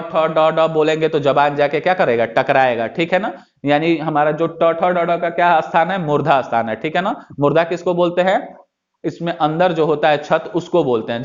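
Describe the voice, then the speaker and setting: A man with a somewhat high voice teaches in a patient classroom style. He keeps asking a question and then answering it himself, over and over. The recording is muffled and lo-fi. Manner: repetitive, asks questions then answers them. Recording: dull lo-fi sound.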